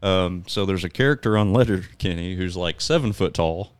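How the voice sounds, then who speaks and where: A man's voice: low voice, moderate pace, smooth, dry recording. A man hosting a podcast in easygoing casual chat, laughing often. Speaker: podcast host.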